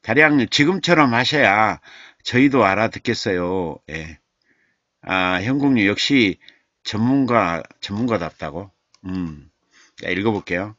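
A man's voice: fairly low pitch, animated, measured pace, fairly bright tone, no room sound, muffled recording. A man hosting a live-stream writing workshop, coaching a poem's edits. He thinks aloud, repeats phrases and corrections, and presses his points. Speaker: literature teacher and streaming host.

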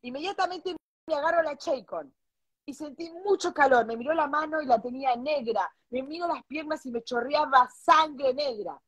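High-pitched Argentine woman reading stories aloud. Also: normal speed, a bit bright, no room sound. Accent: Argentine Spanish. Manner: reads stories aloud with mocking asides, crude and laughing. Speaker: podcast co-host reading listener stories. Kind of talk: casual live-stream chat.

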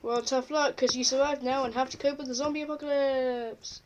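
A woman's voice: high voice, steady tone, brisk, recorded from a distance, slight background noise, rough recording. A woman vlogging casually at home, reading quiz questions aloud and answering them offhand. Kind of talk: casual chat while taking an online quiz.

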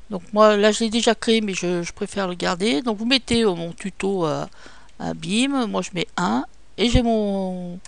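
Woman with gravelly fry giving steps. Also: medium pitch, no echo. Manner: step-by-step instructions with frequent fillers. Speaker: tutorial presenter. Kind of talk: screen-recorded software tutorial.

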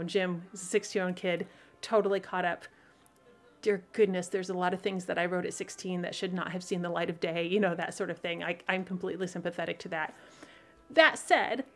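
A woman author hosting her weekly livestream, talking casually and rambling to viewers with many fillers, restarts and frequent laughter. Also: lowish voice. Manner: laughs often between thoughts.

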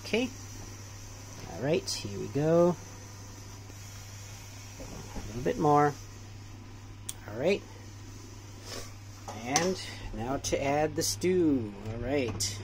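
A young man chatting casually through a cooking demonstration in a small home kitchen, relaxed and full of fillers. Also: a little high, extremely slow, long pauses, a little hiss or hum. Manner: relaxed, hesitant, many fillers. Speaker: cooking vlogger.

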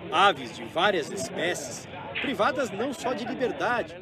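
A Brazilian man reading a scripted news report in a grave, measured voice. His voice sits high and moves around a lot, with a crowd audible behind him. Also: sing-song. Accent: Brazilian Portuguese.

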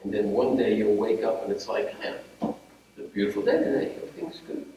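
A man's voice: lowish voice, little pitch movement, a little fast, mellow. A man officiating a funeral, preaching a sermon in an earnest, conversational way with restarts. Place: funeral home chapel. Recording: very echoey hall, heard from a distance, faint room hum.

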